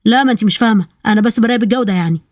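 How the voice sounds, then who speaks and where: A woman's voice: on the high side, very fast, darkish tone, dry recording, lightly acted. A woman voicing a cheeky young Egyptian man who mocks and jokes with his fiancée. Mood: mocking. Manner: mocking, joking.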